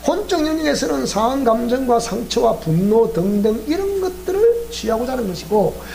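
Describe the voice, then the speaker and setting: A man's voice: extremely high pitch, slight background noise. A man with a Gyeongsang accent, a pastor giving a sermon lecture, telling stories with animation and asking his listeners questions. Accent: Gyeongsang Korean. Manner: animated storytelling, questioning the audience. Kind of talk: sermon lecture at a Bible school.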